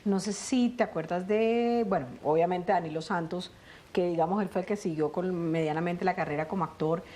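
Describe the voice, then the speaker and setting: Speaking a bit quickly in a lowish voice, a middle-aged actress from Colombia recounts family tales as an interview guest. She animates the stories and voices the dialogue as she goes.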